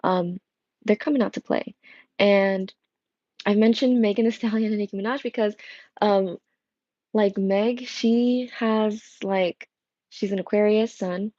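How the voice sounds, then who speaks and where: In a casual livestream from her home room with its coffee machine, a young tarot reader rambles along unhurriedly, pausing often and restarting amid many fillers. Her medium-pitched voice is mellow, fairly even in intonation, yet worn and strained. Her earbud headset mic gives a sound with no echo and the highs cut off.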